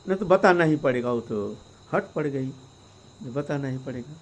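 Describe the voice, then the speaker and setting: A man's voice: mid-range voice, animated, normal speed, slight background noise, natural voice. A man doing an insistent daughter. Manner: insistent, pressing. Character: insistent daughter pleading with her father.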